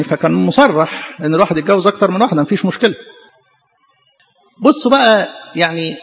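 A man's voice: a little high, vocal fry. A man with an Egyptian Arabic accent, a priest preaching a sermon in an earnest way, repeating phrases for emphasis. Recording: dull reverberant hall sound.

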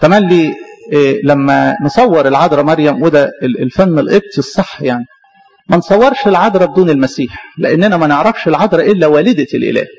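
A man's voice: a little high, lively intonation, quick pace, gravelly, a little mellow, dull audio. A man with an Egyptian Arabic accent preaching a sermon as a priest, fervent and throwing rhetorical questions at the congregation.

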